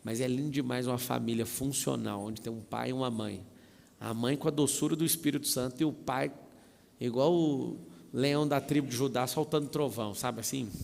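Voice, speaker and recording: Gravelly animated man in reverb. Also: medium pitch. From Brazil. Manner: animated, slangy, acts out family scenes. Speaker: mentor speaking on a live stream. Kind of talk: storytelling talk. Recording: long reverb, echoey room.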